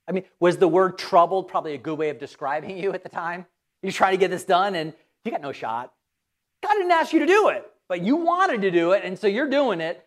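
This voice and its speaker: Woman, pastor, sermon, conversational, questions to the audience, animated pitch. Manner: acts out quoted voices.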